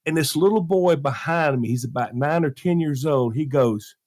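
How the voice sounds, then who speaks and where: A middle-aged man from the American South, a radio show regular and movie critic, tells a funny story on a talk show, acting out quotes in voices and laughing often. His voice runs on the high side at a moderate pace, with a Southern US accent.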